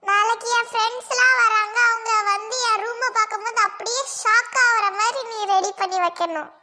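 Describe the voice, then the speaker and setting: பெண் நடிக்கும் கீச்சுக் குரல் நச்சரிக்கும் மாமியார். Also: female voice, very high voice, fairly even intonation, moderate pace, bright, forceful tone, heavily acted. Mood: bossy, nagging. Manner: nagging, bossy, affected talk mixing in English. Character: bossy, nagging, show-off Tamil mother-in-law. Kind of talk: comedy skit acting.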